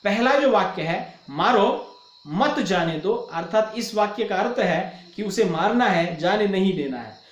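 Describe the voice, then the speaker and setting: A man giving a recorded lecture, explaining slowly and stretching out example words. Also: high-pitched, lively intonation, echoey room.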